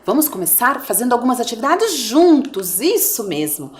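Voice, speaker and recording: A woman's voice: fairly high pitch, sing-song, normal speed, reverberant, slight background noise. A woman with a Brazilian Portuguese accent, a primary school teacher giving a video lesson to young children, coaxing them along in a sing-song voice and drawing out her words.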